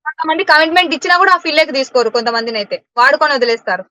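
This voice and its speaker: Fast, forceful woman answering bluntly. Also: high-pitched, dry recording, low-quality recording. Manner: blunt and indignant. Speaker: interview guest. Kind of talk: interview answers.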